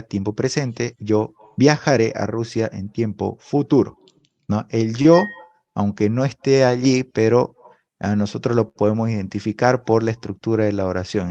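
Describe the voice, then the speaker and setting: A man's voice: fairly low pitch, fairly even intonation, normal speed, vocal fry, warm tone, dull audio. A man teaching a language class over a video call, explaining patiently and often checking in with a questioning "right?". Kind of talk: online class lecture. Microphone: video call microphone.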